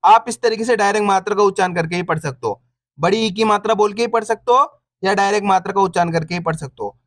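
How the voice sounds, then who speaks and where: A man teaching reading online, sounding out syllables slowly, repeating each word and encouraging viewers as friends. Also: sits high, fairly bright tone, no room sound, studio quality.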